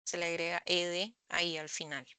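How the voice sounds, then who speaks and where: A woman tutoring English over a video call, explaining slowly and patiently, often checking in with the students. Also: on the low side, little pitch movement, bright, forceful tone, clean tone, dry recording. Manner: slow, patient explaining with frequent "¿verdad?". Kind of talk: online tutoring session. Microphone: computer mic on a video call.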